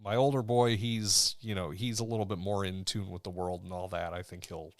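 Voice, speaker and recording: A man in his thirties co-hosting a casual podcast, his voice sitting a little low. He talks in a relaxed, meandering way with plenty of fillers, close to the mic in a dry, dead room. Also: brisk, no room sound. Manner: relaxed, rambling, lots of fillers. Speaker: podcast co-host. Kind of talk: casual chat.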